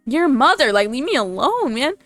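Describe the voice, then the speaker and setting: Reading dialogue aloud as she plays a story game, a young female streamer keeps her commentary casual, slangy, and teasingly playful. Her high voice is very animated and a bit bright at normal speed, with soft background music.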